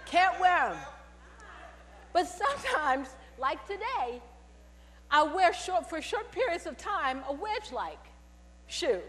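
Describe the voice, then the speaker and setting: A lively woman with a high voice testifies in church, speaking slowly and pausing often. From the pulpit of a large sanctuary she delivers a testimony sermon through animated storytelling and call-and-response, recorded on a headset mic with long reverb and mains hum.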